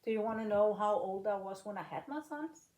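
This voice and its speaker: A former rifle shooter from Denmark, a woman in her late thirties, answers interview questions in a measured, unhurried way, pausing between phrases. Her voice is medium-pitched with a darkish tone, and the recording has an echoey room sound.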